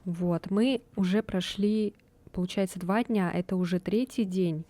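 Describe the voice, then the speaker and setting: A woman doing casual let's-play commentary as a game streamer, chatty and quick to exclaim and giggle in reaction. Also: mid-range voice, mellow, no echo.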